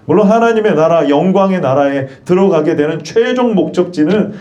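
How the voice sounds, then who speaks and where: Lively high-voiced male pastor preaching. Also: a little fast, highs cut off. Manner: asks questions and has the congregation repeat. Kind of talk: sermon. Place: church.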